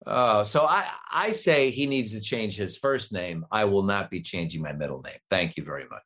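A man's voice: lowish voice, normal speed, fairly bright tone. A middle-aged man, a voice actor, chatting as an interview guest in a rambling, self-deprecating way. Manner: rambling, self-deprecating, many fillers and restarts. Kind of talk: casual interview chat.

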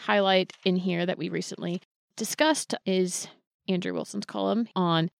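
A woman's voice: on the low side, fairly even intonation, moderate pace, vocal fry, smooth, no room sound, clean studio sound. A woman hosting a podcast, opening the episode and steering the conversation in an upbeat, conversational way. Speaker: podcast host and producer.

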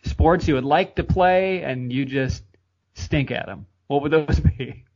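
Fast-talking American man hosting a podcast. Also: on the high side, a little mellow, muffled recording. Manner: friendly, fast-talking, repeats words. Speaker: podcast host. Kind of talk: podcast interview and sign-off.

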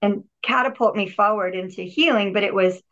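A brisk, fairly bright woman's voice at medium pitch, heard on dull lo-fi audio. She's a healer and yogi appearing as a podcast guest, sharing her personal healing story earnestly and reflectively while often restarting and repeating words.

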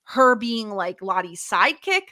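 A woman's voice: medium pitch, expressive, a little slow, pushed and bright, dry recording, studio quality. A woman podcast host chatting casually about TV, with lots of "like" and "obviously". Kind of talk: casual chat.

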